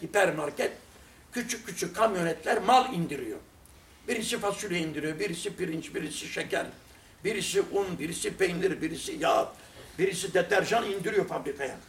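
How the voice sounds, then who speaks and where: A man's voice: sits high, brisk. An older man giving a religious talk, telling humorous anecdotes with chuckles and acting out the dialogue. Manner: storytelling, chuckling, acts out dialogue. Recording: echoey room, distant mic, faint noise.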